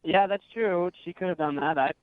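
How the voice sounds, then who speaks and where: Over the phone, a man calls a radio show and tells his story in a casual, conversational way. His voice sits high and he talks briskly, coming through a dry, narrow, very noisy phone line.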